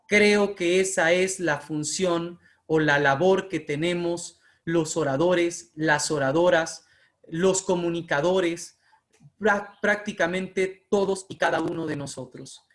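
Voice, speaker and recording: A man's voice: high voice, fairly bright tone. A man with a Mexican Spanish accent giving an impassioned online lecture on public speaking, building emphatic repeated phrases over a video call. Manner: impassioned, emphatic, rhetorical repetition. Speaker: oratory workshop speaker.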